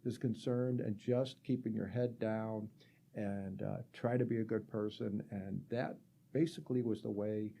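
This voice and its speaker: Gravelly older man, low and mellow. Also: steady tone, a little slow. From Rochester area, New York. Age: 60s. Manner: chatty, rambling, frequent fillers and restarts. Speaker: guest. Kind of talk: casual conversational storytelling.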